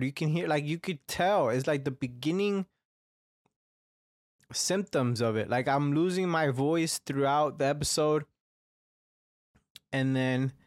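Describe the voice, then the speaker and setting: Recorded dry and at studio quality, this mid-range male voice belongs to a young solo podcast host with a slightly phlegmy, congested throat. His casual monologue rambles, restarts often and is packed with swearing.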